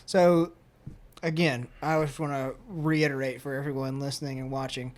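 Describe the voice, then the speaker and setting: A man's voice: mid-range voice, little pitch movement, normal speed. A man hosting a casual interview, enthusiastic and rambling. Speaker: podcast host.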